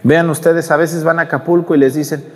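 A man's voice: on the high side, level tone, a little fast, big-room sound. A man preaching a homily at mass in a conversational style, often acting out what parishioners say. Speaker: priest.

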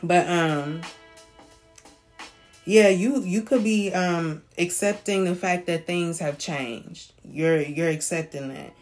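A woman with a fairly low voice gives a casual, rambling reading, checking in with listeners again and again. Faint music plays softly behind her. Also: takes it slowly. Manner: chatty, repeats "okay?" often, laughs. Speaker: tarot reader.

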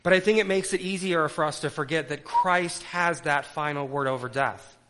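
A male pastor with a somewhat high voice leads a church service. He delivers sermon and liturgy solemnly, shaping his words in short, measured clauses. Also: fairly bright tone. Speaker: pastor leading worship and communion.

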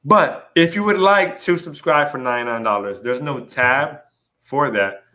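A man with a bright, forceful voice hosts a casual podcast chat. He talks in a playful, pumped-up way and keeps checking in with his listeners with "right?" and "you know what I mean". He sounds loose and upbeat. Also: mid-range voice, moderate pace. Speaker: podcast host.

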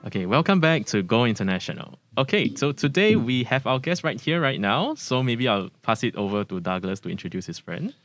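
A man's voice: mid-range voice, sing-song, fairly quick, hardly any pauses, fairly bright tone, dry recording. A young man hosting a casual talk podcast in a studio. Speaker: podcast host.

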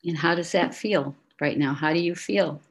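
A middle-aged woman with a notably low-pitched voice talks in a relaxed interview. Her manner is gently instructive, patiently explaining and guiding a listener through a calming exercise. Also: moderate pace. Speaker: guest expert. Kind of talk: casual interview talk.

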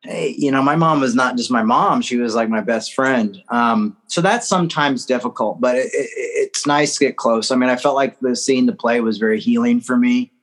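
A man's voice: mid-range voice, moderate pace, hardly any pauses, a bit bright, low-quality recording. A man in his forties, a podcast guest, rambling with many fillers and small laughs. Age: 40s. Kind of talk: casual interview chat.

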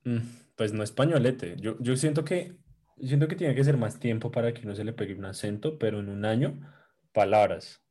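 A man's voice: fairly low pitch, moderate pace, warm tone. Easygoing man chatting with friends. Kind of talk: casual podcast chat among friends.

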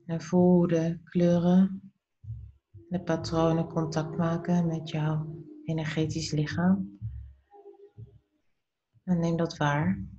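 Her deep voice carries a slow guided meditation, soft, soothing and unhurried, with short phrases separated by pauses and a breathy trail at the end of each. The delivery stays flat, and the audio sounds dull.

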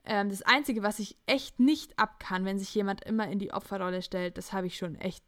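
A woman's voice: mid-range voice, brisk, no room sound. A young woman hosting a casual podcast, animatedly retelling a chat conversation and acting out both sides. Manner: animated storytelling, quoting texts in chats. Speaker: podcast host.

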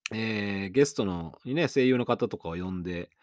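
A man hosting his own late-night radio talk, rambling along in a self-mocking way. His pitch swings widely, jumping up and dropping low within a sentence. The studio sound is dry and close. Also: expressive, normal speed, darkish tone, no room sound. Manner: rambling, self-mocking, chatty with sudden high jumps. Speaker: radio DJ and podcast host. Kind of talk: casual solo radio talk.

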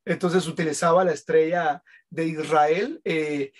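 A man hosts a relaxed conversation and chats freely, dropping in frequent short agreements. His voice sits high and has a breathy, husky edge. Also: unhurried. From Guatemala. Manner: chatty, affirming with frequent short replies. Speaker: host. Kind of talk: casual conversation.

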